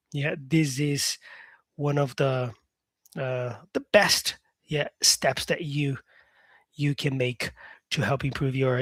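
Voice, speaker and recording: A Brazilian English teacher, his voice a bit high, replies to live viewers' comments in a casual, upbeat way, sprinkling in "yeah." The audio is echo-free and studio quality.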